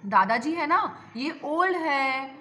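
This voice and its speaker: A high, bright-voiced woman leads a kindergarten lesson, drawing out each word slowly. She asks the children questions and repeats each word pair in a sing-song way. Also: lively intonation. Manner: slow, drawn-out sing-song repetition for small children. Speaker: kindergarten teacher.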